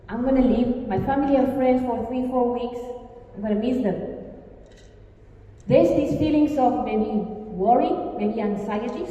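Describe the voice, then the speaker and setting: Her voice on the high side, an Argentine workshop speaker addresses a live audience in a large hall, engaging and lively, with questions for the crowd. A mic placed at a distance yields an echoey, dull recording with faint ambience and slight hiss or hum.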